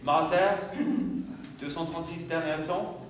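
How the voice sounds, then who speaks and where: Slow-talking choir conductor in an echoey hall. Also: male voice, fairly high pitch, steady tone, a bit bright. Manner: counts beats aloud and sings short phrases to demonstrate. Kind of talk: choir rehearsal instruction. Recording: very echoey, voice far from mic, audible background noise.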